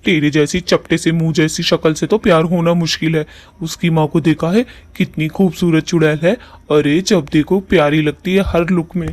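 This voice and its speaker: A man's voice: on the high side, steady tone, a little mellow, natural voice. Man voicing a shameless lecherous old father-in-law. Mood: wheedling. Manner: wheedling, drawn-out.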